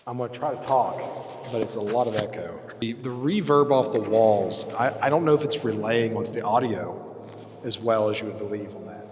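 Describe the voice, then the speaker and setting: A man's voice: on the low side, normal speed, slight background noise. A man vlogging casually from inside an empty concrete bunker, his voice ringing with big hall echo off the walls. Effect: big hall echo, reverb off concrete walls. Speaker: vlogger exploring an abandoned bunker. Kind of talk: casual on-location commentary. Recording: roomy echoey reverb, distant from the mic.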